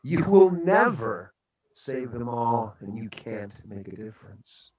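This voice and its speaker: A man's voice: medium pitch, big pitch swings, takes it slowly, a little mellow, roomy sound, distant mic, dull audio. A man voicing a skeptical older man on a beach, who talks in a dismissive, lecturing way.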